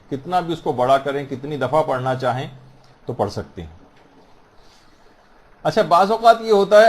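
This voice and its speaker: A man teaching the rules of prayer in a patient, explanatory way, repeating phrases and slowing down to model the correct pronunciation. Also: a little high. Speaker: religious teacher. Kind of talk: instructional talk on prayer rules.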